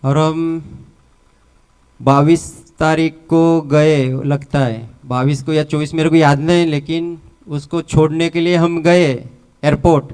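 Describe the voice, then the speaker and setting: A middle-aged man with a Mumbai Hindi accent shares his testimony at a church retreat, slipping Marathi words into his Hindi. His voice is slightly high for a man and smooth and resonant. He talks at an unhurried, slow pace, circling back over phrases as he tells the story. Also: fairly even intonation, darkish tone. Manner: halting, repetitive storytelling. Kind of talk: personal faith testimony.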